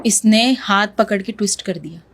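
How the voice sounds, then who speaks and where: A woman's voice: mid-range voice, normal speed. Woman guest telling a haunted story, vivid, drops english words in her hindi. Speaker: podcast guest. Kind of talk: telling a true ghost story in an interview.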